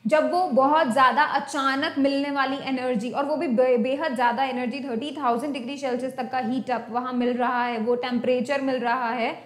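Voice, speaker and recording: A woman's voice: high voice, steady tone, moderate pace, few pauses, roomy sound. A woman with an Indian accent, teaching a science lesson and mixing Hindi and English, often checking in with the class. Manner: mixes Hindi and English, checks in with "right?" and "thik hai?". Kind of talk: online class lecture.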